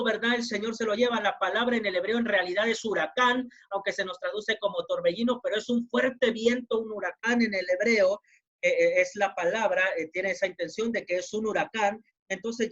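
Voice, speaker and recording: A man's voice: sits high, a bit bright, dull audio. Mexican man preaching a casual sermon. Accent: Mexican Spanish. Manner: conversational preaching, asks listeners for agreement. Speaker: pastor.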